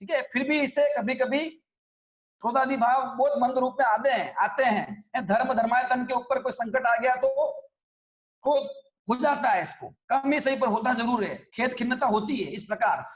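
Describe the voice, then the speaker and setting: A man's voice: extremely high pitch, moderate pace, reverberant. A man teaching a religious scripture class, explaining in a conversational way and often checking that his listeners follow.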